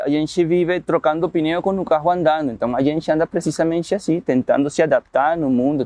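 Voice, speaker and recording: A man's voice: fairly high pitch, darkish tone, no room sound. Reflective man with a dry, close sound. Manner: reflective, explanatory, measured. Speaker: university refugee program worker. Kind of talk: documentary interview.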